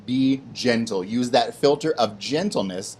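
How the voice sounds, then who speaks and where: A man hosting a kids' Bible lesson who tells the story in a lively, casual way and slips into voices for its characters. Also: mid-range voice, unhurried, breathy edge. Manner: animated, plays voices in his stories, casual slang. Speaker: children's ministry host.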